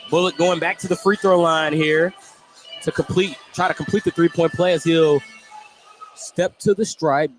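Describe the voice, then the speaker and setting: Faint music sits behind a fairly high, fairly evenly intoned voice as a man at a moderate pace gives radio play-by-play of a basketball game. He speaks in clipped, running phrases, and the live indoor gym recording is very noisy.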